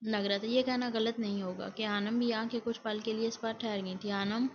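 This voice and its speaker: A woman reads a romance novel aloud in a steady narrator's voice. She pitches a little high and keeps her pitch flat. Faint hiss sits under a dull, lo-fi recording. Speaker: audiobook narrator.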